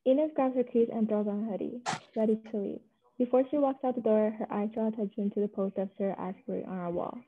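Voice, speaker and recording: A woman reading stage directions aloud in a plain, even way. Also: medium pitch, fast talker, narrow, tinny audio.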